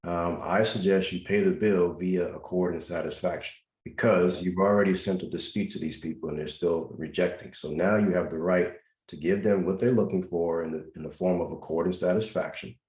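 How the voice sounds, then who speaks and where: A man's voice: low voice, fairly even intonation, a little fast, hardly any pauses, a little mellow, echoey room. A man hosting a video-call Q&A, giving instructive advice to callers and stressing his points by repeating them. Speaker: host answering caller questions.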